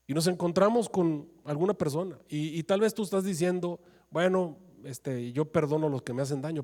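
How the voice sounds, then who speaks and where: Impassioned preaching man, higher voice. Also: mellow. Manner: preaching with sudden rises into pleading, acted quotes of prayer. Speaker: pastor. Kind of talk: sermon.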